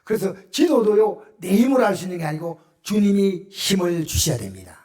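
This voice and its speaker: A middle-aged man preaches in a church with a Gyeongsang accent. His voice sits high and leaps widely in pitch. He moves from ringing cries down to near-whispers. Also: brisk. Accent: Gyeongsang Korean. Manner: animated, shifts from loud cries to near-whispers. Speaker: pastor. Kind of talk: sermon. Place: church sanctuary.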